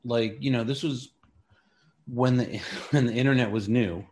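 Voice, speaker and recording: A man's voice: medium pitch, steady tone, a little slow, darkish tone, slight background noise. A man talking casually and wryly in an interview, rambling with lots of filler words. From Queens, New York City. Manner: rambling, wry, peppered with like and you know. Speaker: stand-up comedian guest.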